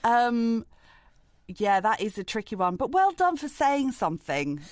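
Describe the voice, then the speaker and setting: A woman's voice: fairly high pitch, sing-song, unhurried, dry recording. Podcast co-host: British woman, casual storyteller, laughs easily, dry mic. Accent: British English. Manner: chatty, laughs often while telling stories. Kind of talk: casual chat.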